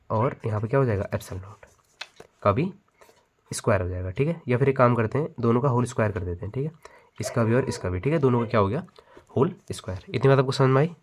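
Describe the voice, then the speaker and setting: A man's voice: mid-range voice, a little mellow, slight background noise. Man talking through a physics problem. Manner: checks often that students follow. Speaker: physics teacher. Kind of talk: step-by-step math lesson over handwritten notes.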